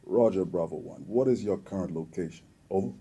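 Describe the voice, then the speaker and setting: A man's voice: deep voice, brisk, warm tone, slightly rough. A man acting as radio dispatcher, answering over a walkie-talkie in terse radio protocol. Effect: heard over a walkie-talkie.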